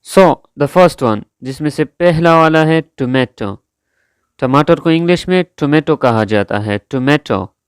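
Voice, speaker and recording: A male English vocabulary teacher whose first language is Urdu gives a slow, deliberate lesson, repeating each word in drawn-out, careful pronunciation drills. His fairly high voice has lively intonation and a clear, resonant tone, recorded clean in a studio with no echo.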